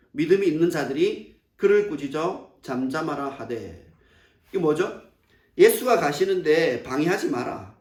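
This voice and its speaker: A high-voiced male pastor preaches in a sermon style, posing rhetorical questions and acting out the lines he quotes. He sounds distant from the mic, in a church with lots of echo. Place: church sanctuary.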